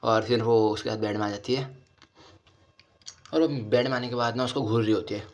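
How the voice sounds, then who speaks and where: A man casually retelling an animated episode as a recap narrator, in a rapid, run-on way with many linking phrases and restarts. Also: medium pitch.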